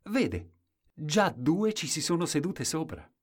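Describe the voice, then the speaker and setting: A man's voice: a little high, sing-song, slow, husky, voice pushed up, heavily acted. A man voicing a small, pale, timid boy who is innocent and full of wonder.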